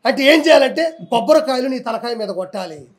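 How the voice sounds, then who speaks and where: A man's voice: very high-pitched, lively intonation, brisk, slight background noise. A man, speaking combatively and defiantly in a heated political interview.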